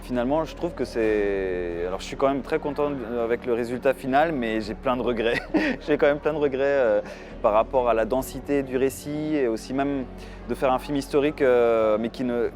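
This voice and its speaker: A man's voice: mid-range voice, brisk, darkish tone, faint music behind. A man in his thirties from Germany, an animation film director giving a festival interview, hesitant with many fillers and restarts.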